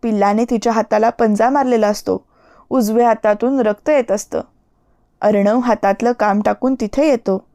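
A steady woman narrating a story. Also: fairly high pitch, normal speed, no room sound, clean studio sound. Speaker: audiobook narrator.

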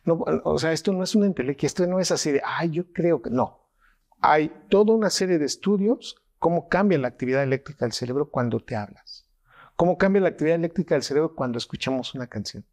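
A man's voice: a little high, animated, fast talker, a little mellow. A middle-aged man with a Mexican Spanish accent, a neuroscientist explaining things with animation and acting out quoted voices. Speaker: neuroscientist guest. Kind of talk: explanatory interview talk.

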